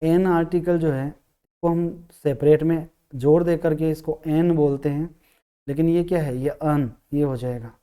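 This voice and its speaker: A man teaching an English grammar lesson, explaining step by step, asking himself questions and sounding out syllables slowly. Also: on the high side, steady tone, warm tone, smooth.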